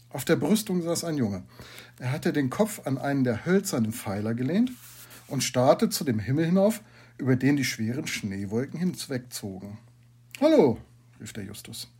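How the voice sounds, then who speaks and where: A man reading a story aloud in a calm storytelling manner. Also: mid-range voice, husky. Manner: calm storytelling, quieter for asides. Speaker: narrator.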